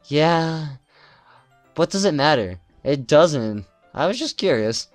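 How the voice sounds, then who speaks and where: A man's voice: on the high side, big pitch swings, takes it slowly, dry recording, soft background music. A man reading aloud and voicing a prickly, embarrassed teenage girl who answers with snappy, defensive retorts.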